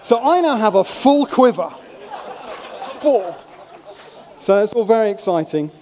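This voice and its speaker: A man preaching a sermon, humorous and animated, slipping into mimicked voices. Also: sits high, a little slow, some chatter behind, slight background noise. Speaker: pastor. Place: church hall. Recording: long hall reverb.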